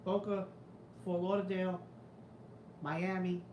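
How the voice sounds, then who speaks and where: A man with a high but darkish voice takes it slowly with a flat delivery, in an echoey room with a little hiss or hum. He's a show host from the New York area reading his live chat casually, rambling, skeptical and freely swearing, with a New York Italian-American accent that comes and goes.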